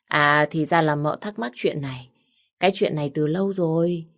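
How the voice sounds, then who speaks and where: A woman's voice: deep voice, moderate pace. A woman voicing a humble young female maid in a story reading, talking respectfully and at length. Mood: earnest. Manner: chatty, respectful.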